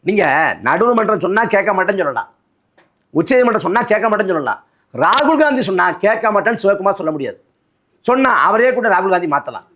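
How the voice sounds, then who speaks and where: Male party spokesman, fairly high voice, very lively pitch, combative and rhetorical in a political interview. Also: fast talker, a little hiss or hum. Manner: forceful, rhetorical, repeats phrases for emphasis.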